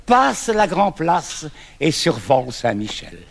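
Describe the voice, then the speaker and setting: A man's voice: fairly high pitch, sing-song, takes it slowly, creaky. A man with a Brussels accent in a comic sketch, emphatically reciting verse in praise of his accent. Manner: emphatic, proud. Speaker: comic performer.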